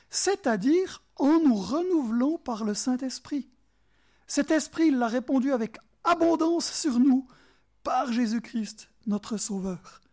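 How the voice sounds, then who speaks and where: A man with a Bernese Jura French accent preaching a sermon, emphatic and animated, speaking straight to his listeners and sometimes dropping to soft asides. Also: extremely high pitch. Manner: talks directly to listeners in second person.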